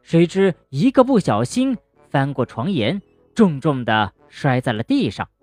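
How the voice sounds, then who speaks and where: A woman narrating a children's bedtime story gently and expressively, speaking to a young listener. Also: low-pitched, sing-song, measured pace, no echo, soft background music.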